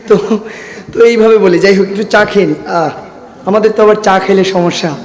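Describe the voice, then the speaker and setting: A preacher man from Sylhet, Bangladesh, leads a big gathering with a high voice that carries a long reverb. He calls for the crowd to shout responses and throws in jokes, his throat a little strained. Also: steady tone, moderate pace. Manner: jokes with the audience. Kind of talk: religious sermon to a crowd. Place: large outdoor gathering.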